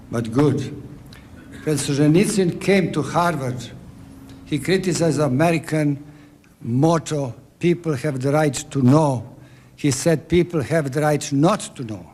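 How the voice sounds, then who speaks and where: A man with a Serbian accent speaks up from the audience. He talks earnestly and formally and stumbles over a word now and then. His voice sits a little high, with faint noise behind it. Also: darkish tone. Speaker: audience member asking a question. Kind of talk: formal remarks from the floor.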